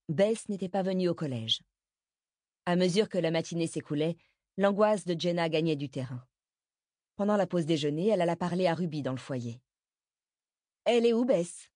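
A woman reading a novel aloud as audiobook narrator, steady and measured. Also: on the low side, no room sound, studio quality.

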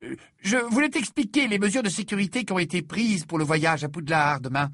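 Man playing a bossy witch mother, high and loud, brisk, husky. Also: no echo, clean studio sound. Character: bustling motherly middle-aged witch.

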